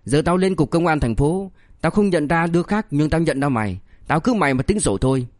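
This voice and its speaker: A man's voice: fairly high pitch, animated, fairly quick, dry recording, studio quality, natural voice. A man voicing a blunt, threatening young boss who mocks and scolds in an audiobook story. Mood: menacing. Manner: harsh, threatening, mocking. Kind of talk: audiobook character voice.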